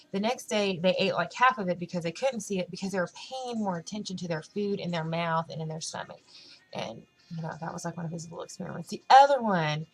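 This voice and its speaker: A woman's voice: mid-range voice, rough recording. A woman vlogging in casual chat to camera, rambling with lots of fillers.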